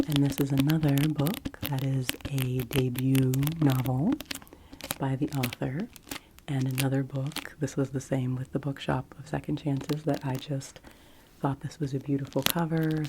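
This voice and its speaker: A woman talking about books in a soft-spoken, hushed ASMR style close to a library whisper, gently delivered. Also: extremely low pitch, level tone, unhurried, background noise. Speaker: book reviewer.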